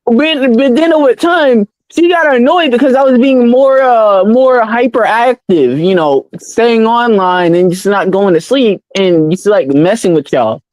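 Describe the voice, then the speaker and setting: A young woman chatting with friends in a blunt, excitable way, full of slang and swearing. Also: on the high side, a little slow, hardly any pauses, no echo, poor audio. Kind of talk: casual chat.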